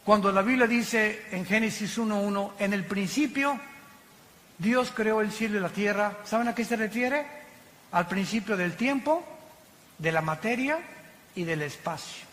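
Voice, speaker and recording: A man preaching a passionate sermon from the pulpit, with sudden loud exclamations. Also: sits high, a little slow. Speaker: pastor. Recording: long hall reverb.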